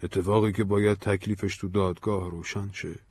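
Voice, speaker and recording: A man voicing a weary, earnest man who explains himself calmly in an audiobook story. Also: low-pitched, dry recording. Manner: measured, tired. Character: weary, earnest man, Ben, calm and burdened.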